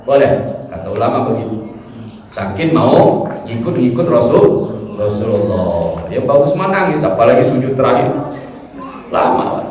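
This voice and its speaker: A man preaching a humorous, animated study sermon in a mosque, now and then mimicking chanted prayers and neighbourhood gossip. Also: medium pitch, a little slow, long pauses, slight background noise. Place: large mosque hall. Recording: echoey hall, mic from far off.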